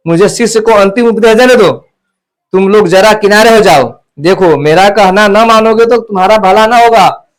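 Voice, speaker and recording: A man voicing an old male holy man who gives commands calmly and sternly. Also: high-pitched, moderate pace, close to an everyday voice, low-quality recording. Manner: stern, authoritative.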